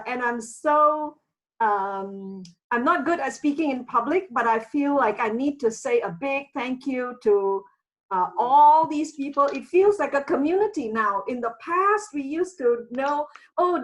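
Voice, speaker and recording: A woman's voice: high-pitched, poor audio. A woman from Malaysia speaking on a video call, chatty and hesitant with many fillers, laughing now and then. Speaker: community member. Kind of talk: casual group video call greeting.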